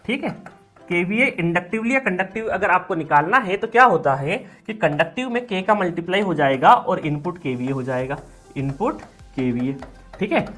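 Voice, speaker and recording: A man teaching an engineering exam question in a talkative way, mixing Hindi with English terms and checking in with frequent tag questions. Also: high voice.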